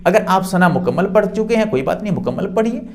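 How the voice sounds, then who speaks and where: A man's voice: high-pitched, animated. A man teaching how to perform a prayer step by step, explaining patiently and repeating key points with rising emphasis. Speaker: Islamic teacher. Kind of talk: religious instruction.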